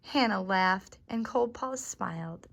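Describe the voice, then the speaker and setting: A library storyteller reads picture books aloud to young children with lively animation and simple, encouraging words. Her voice is medium-pitched with vocal fry, and she speaks slowly.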